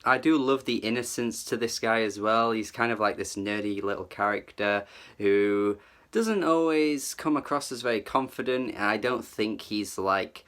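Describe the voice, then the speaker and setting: A man's voice: on the low side, moderate pace, fairly bright tone. Chatty man reviewing an album. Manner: chatty, filler-heavy, hedging with "like" and "kind of"; enthusiastic. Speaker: music reviewer.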